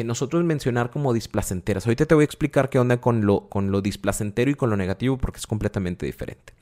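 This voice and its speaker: A man with a Mexican Spanish accent giving an explanatory talk about emotions, expressive and acting out everyday dialogues. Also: medium pitch. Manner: expressive, acts out everyday dialogues, laughs often. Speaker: emotional wellbeing speaker.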